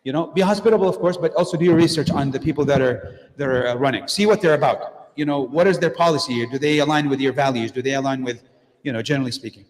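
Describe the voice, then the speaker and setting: A man's voice: medium pitch, quick pace. Plainspoken man in an echoey hall. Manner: direct and plainspoken, frequent fillers and restarts. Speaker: guest speaker at a mosque. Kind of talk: informal community talk with Q&A. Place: mosque hall. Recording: echoey hall with long reverb.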